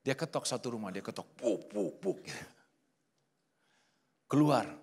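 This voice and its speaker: A man's voice: mid-range voice, unhurried, gravelly. A middle-aged man preaching a sermon at a church service, telling stories with acted-out quotes. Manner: lively storytelling with acted quotes. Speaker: pastor.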